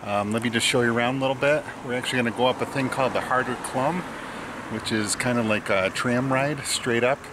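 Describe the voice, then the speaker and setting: A man's voice: medium pitch, brisk. A middle-aged man chatting enthusiastically as he shows viewers around on a travel vlog, recorded on a camera mic outdoors. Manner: enthusiastic, chatty tour guiding. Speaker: travel vlogger. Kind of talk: casual travel vlog narration. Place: outdoors by a canal and on a mountain train. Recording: outdoor crowd and vehicle noise. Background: crowd chatter, train and street noise.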